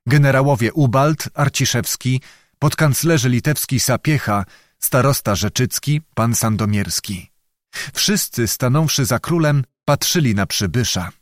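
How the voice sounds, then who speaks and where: A man narrating an audiobook in a measured, dramatic storytelling manner. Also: mid-range voice, expressive, no room sound, clean studio sound. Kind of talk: scripted narration.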